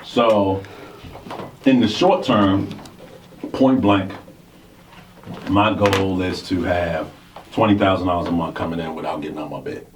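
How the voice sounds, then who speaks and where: A man's voice: deep voice, unhurried, long pauses. A man in his forties co-hosting a radio talk show, talking in a laid-back, casual way. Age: 40s. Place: radio studio. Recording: roomy studio sound, mic at a distance, faint hiss.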